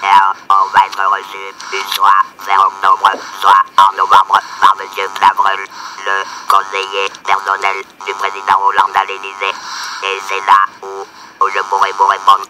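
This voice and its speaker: A man's voice: deep voice, monotone, normal speed, background noise. A man speaking through an electrolarynx with a metallic, robotic, buzzing voice, answering in a radio interview.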